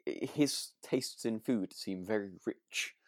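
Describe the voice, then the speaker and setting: A podcast co-host talks casually about a radio drama, hesitant, rambling, and agreeable as he goes. His voice is lowish and his pace slow, captured in a dry, studio-quality recording.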